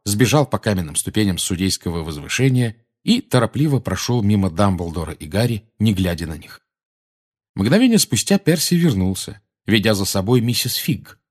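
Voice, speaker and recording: A man narrating an audiobook in an expressive storytelling manner. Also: on the low side, slightly rough. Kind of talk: scripted narration.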